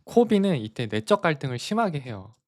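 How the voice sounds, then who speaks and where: A man's voice: fairly high pitch, very animated, fairly quick, darkish tone. A man casually retelling a cartoon story on a live stream, chatty and laughing often.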